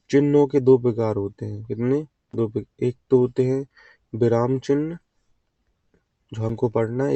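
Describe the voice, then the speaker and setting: A man's voice: medium pitch, gravelly, mellow, dry recording. A man teaching an exam-prep grammar lesson, asking questions and answering them himself in a call-and-response way. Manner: quizzing, call-and-response delivery. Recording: dull lo-fi sound.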